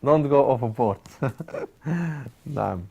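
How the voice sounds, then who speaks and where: A man's voice: medium pitch, animated, slow pace, gravelly, mellow, husky. A man teaching an Arabic grammar class, explaining step by step with frequent "uh" fillers and Arabic terms mixed in. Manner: explains step by step, repeating key words.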